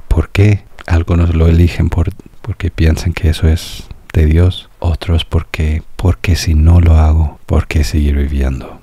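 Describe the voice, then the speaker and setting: Deep-voiced American man musing in Spanish. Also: level tone, measured pace, mellow, breathy edge, dry recording. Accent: American, speaking Spanish. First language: English. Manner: thoughtful, searching, with restarts and musing questions. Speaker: music reaction vlogger. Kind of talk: casual reflective monologue.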